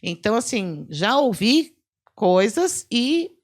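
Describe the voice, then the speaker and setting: A middle-aged woman with a Brazilian Portuguese accent, a forensic photographer telling lively anecdotes in a podcast chat and acting out the dialogue. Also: fairly high pitch, takes it slowly. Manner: lively anecdotes, acts out quoted dialogue, laughs often. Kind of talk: animated storytelling in a podcast chat.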